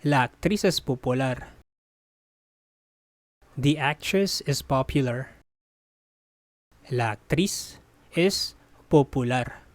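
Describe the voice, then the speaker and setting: In a bilingual phrase drill, a Spanish teacher speaks each phrase, gives its translation and then repeats it deliberately. The medium-pitched voice is animated, recorded dry.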